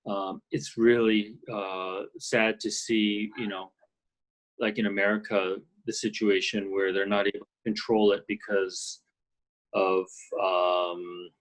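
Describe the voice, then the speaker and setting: Low-voiced man on a video call. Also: little pitch movement, slow pace. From Canada. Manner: thoughtful, many fillers and restarts. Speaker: guest, orchestral percussionist. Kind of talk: casual interview chat. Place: ski and golf resort, indoors.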